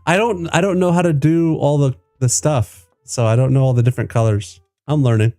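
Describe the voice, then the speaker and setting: A man talks loosely over a game stream, trailing into fillers and cursing freely as he goes. His voice sits at an ordinary middle pitch and sounds close and dry, with soft music playing underneath. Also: fairly quick, no echo. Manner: rambling, loose, swears freely, many fillers. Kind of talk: casual gaming stream chat.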